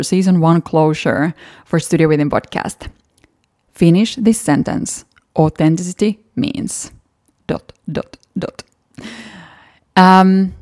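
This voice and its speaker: Speaking with a Finnish accent, this podcast host from Finland, whose first language is Finnish, looks back on earlier episodes alone at the mic, earnest and encouraging. Her voice is on the low side and mellow, captured as a dry, clean studio recording.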